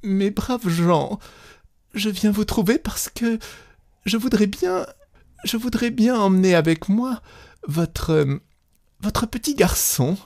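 A man's voice: high-pitched, expressive, slow, pauses often, a little mellow, no echo, studio quality, voice pushed up, heavily acted. A man voicing a spoiled young wealthy wife who pleads in a trembling, breathless voice.

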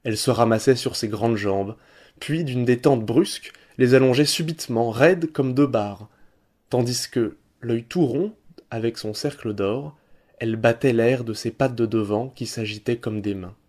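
Mellow-voiced male story narrator. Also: medium pitch. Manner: measured, expressive storytelling. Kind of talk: literary audiobook reading.

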